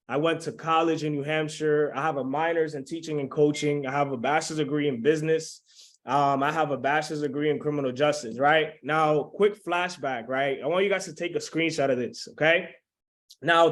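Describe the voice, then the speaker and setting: A man in his twenties from the Dominican Republic, hosting a motivational webinar over a video call and keeping the audience engaged. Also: on the high side. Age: 20s. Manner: hyped, keeps checking in with the audience. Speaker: webinar host.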